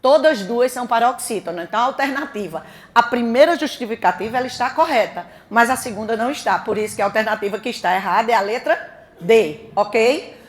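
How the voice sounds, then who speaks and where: A woman with a Brazilian Portuguese accent leads a grammar lesson for exam candidates. Her voice sits a little high, and she talks quickly. She keeps throwing questions at the class and answering them herself. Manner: fast-talking, quizzes the class with questions and answers. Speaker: grammar teacher for exam prep.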